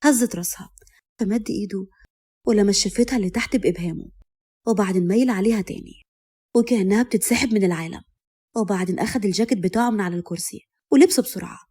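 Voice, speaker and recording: A woman with an Egyptian accent narrating a romantic audio story at a brisk, steady clip. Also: medium pitch, slightly rough.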